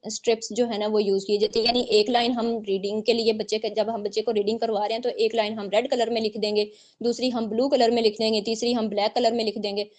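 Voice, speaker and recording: A woman teacher, explaining points and checking in often with her online students. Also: fairly high pitch. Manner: explanatory, repeats points with frequent "theek hai" checks. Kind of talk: online exam-prep lecture.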